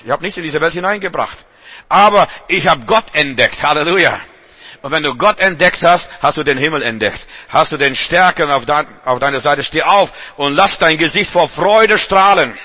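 A man's voice: a little high, animated, normal speed, bright, forceful tone. A man preaching a sermon to a church congregation, repeating and urging his listeners. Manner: emphatic, repetitive exhortation. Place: church service.

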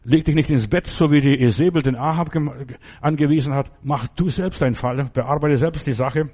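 A man's voice: on the high side, moderate pace, darkish tone. Blunt, insistent male preacher. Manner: blunt, insistent, addresses listener directly. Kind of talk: sermon. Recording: dull lo-fi recording.

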